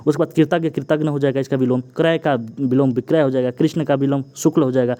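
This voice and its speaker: A young male tutor races through an exam-prep grammar lesson. His voice is dark and mellow, at a middling pitch. He rattles off examples one after another and keeps checking in with his students. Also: steady tone. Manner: rapid list-reading with frequent "ठीक ना" checks and "Babu" address. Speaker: exam coaching teacher. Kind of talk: online Hindi grammar lesson.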